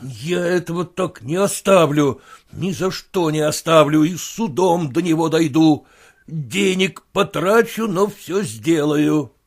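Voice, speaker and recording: A man's voice: on the high side, lively intonation, slow pace, exaggerated voice. A man reading aloud, voicing a flustered, indignant middle-aged merchant in a storybook. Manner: agitated, indignant outbursts.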